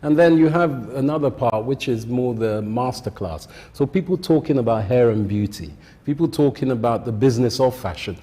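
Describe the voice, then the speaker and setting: The speaker is a Nigerian man, a fashion designer and content creator, giving deliberate interview answers peppered with ums. His mid-range voice is dark with a breathy edge, recorded in what sounds like a big room.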